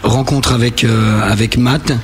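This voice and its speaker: A man with a gravelly, broken smoker's voice, chatting casually and jokingly as a rock musician in a radio interview. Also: medium pitch, fairly even intonation, a little slow, slight background noise. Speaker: rock band member being interviewed.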